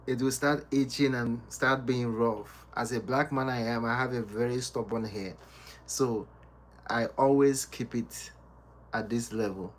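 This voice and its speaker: Slow, easygoing man streaming live. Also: mid-range voice, slight background noise. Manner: laughs often, teasing and playful with viewers; slow, relaxed talk with many fillers. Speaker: livestream host reading chat. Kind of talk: casual live chat.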